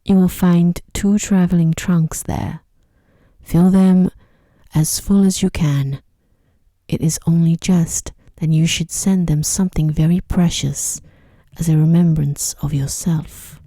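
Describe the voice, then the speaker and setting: A woman voicing a stern but courteous male Beast in a softly read fairy-tale bedtime story, measured and formal. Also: low voice, fairly even intonation, no echo, studio quality, full character voice. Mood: stern, commanding.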